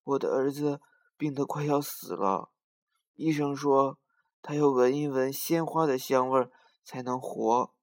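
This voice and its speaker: A man's voice: medium pitch, measured pace, natural voice. A grieving old grandmother pleads in a storybook tale. A man voices her with a plaintive, pleading tone. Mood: sorrowful. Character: weeping, worried old grandmother. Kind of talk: children's storytelling.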